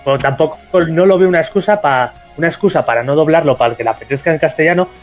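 A man's voice: fairly high pitch, racing, soft background music. A man in casual chat, a little hesitant and seeking the middle ground.

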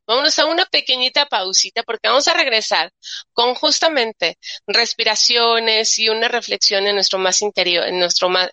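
Female spiritual talk host, gentle and repetitive, bright tone, dry close sound. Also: fairly high pitch, no room sound. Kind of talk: spiritual talk show, reading viewer comments.

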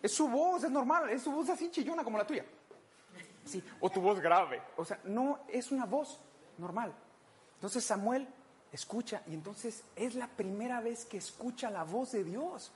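A woman's voice: fairly high pitch, expressive, moderate pace, darkish tone, slight background noise. A woman with a Mexican accent preaching a conversational sermon, playful and jokey, acting out little scenes for her listeners. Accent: Mexican Spanish.

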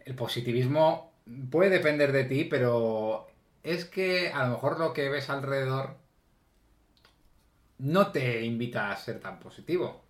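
A man's voice: mid-range voice, lively intonation, unhurried. Wry man in an echoey room. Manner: reads quotes aloud, wry and joking. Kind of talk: casual chat.

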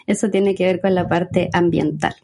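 A woman's voice: lowish voice, steady tone, creaky, dark tone, slight background noise. A young adult woman, a speech therapist, explaining patiently as an interview guest. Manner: measured, explanatory.

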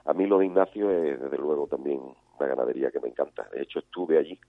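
A man's voice: extremely low pitch, quick pace, no echo. A man, a cattle breeder answering interview questions hesitantly, often repeating words. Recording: dry, phone-like line.

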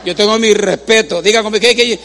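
High-voiced joking male preacher. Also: fast talker, sharp tone, slight background noise. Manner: joking, playful, repeats phrases for the congregation. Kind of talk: humorous sermon. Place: church.

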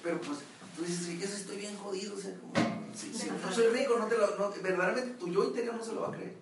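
A man's voice: high-pitched, quick pace, heavy background noise. A man with a Mexican accent leading a group session, making emphatic points and checking that everyone understands. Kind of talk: instructive group talk. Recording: echoey room, far from the mic.

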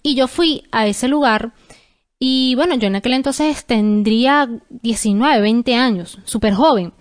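A young adult woman co-hosting a casual podcast, explaining things in an earnest, steady way. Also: fairly high pitch, unhurried. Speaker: podcast co-host.

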